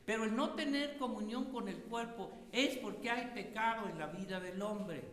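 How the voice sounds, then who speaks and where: A man preaching a sermon to his congregation, animated and firing rhetorical questions at his listeners. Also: high-pitched, moderate pace. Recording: echoey hall with long reverb.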